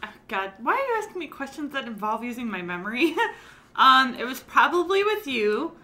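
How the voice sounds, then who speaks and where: A woman's voice: sits high, sing-song, a little fast, sharp tone. A woman in a casual podcast chat, playful and blunt, swearing casually.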